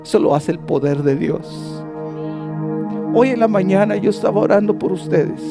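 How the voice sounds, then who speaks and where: A middle-aged man preaching a sermon, telling his own testimony with passion, dropping soft and low at reflective moments and rising high and pleading in prayer. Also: normal speed, gravelly, music in the background. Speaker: pastor.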